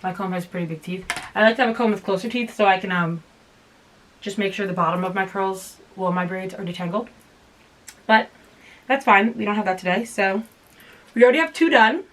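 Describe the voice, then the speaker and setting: A woman's voice: medium pitch, a little fast, pauses often, fairly bright tone, slight background noise. Chatty exasperated young woman vlogging. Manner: chatty, exasperated, self-mocking. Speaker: hair vlogger. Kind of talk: casual vlog chat while braiding. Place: at home, indoors.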